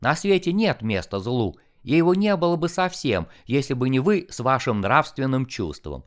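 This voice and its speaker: A man reading an audiobook and voicing a calm, scornful male angel who lectures in a measured, contemptuous way. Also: mid-range voice, close to an everyday voice. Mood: scornful, lecturing.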